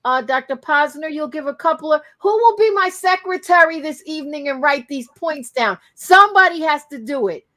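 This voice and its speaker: A woman hosting a live talk show, expressive and emotional as she talks about faith. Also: high voice, moderate pace, hardly any pauses.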